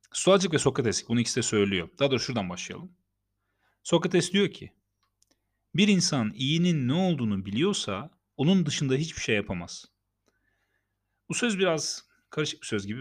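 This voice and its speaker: A man hosting a solo podcast, talking in a calm, conversational way and telling stories, with fillers now and then. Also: medium pitch. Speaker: podcast host. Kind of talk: reflective solo podcast talk.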